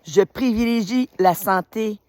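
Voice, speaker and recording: Out on a winter road, a woman in her fifties from New Brunswick, Canada, uses her phone to welcome people to the spiritual group she leads after retiring from teaching. Her mid-range voice keeps a measured pace on a dry recording. She comes across as warm and enthusiastic, rambling with frequent fillers.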